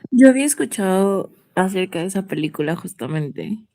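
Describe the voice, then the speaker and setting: A woman's voice: mid-range voice, lively intonation, moderate pace, warm tone. A female student answering in class discussion, hesitant and thinking aloud.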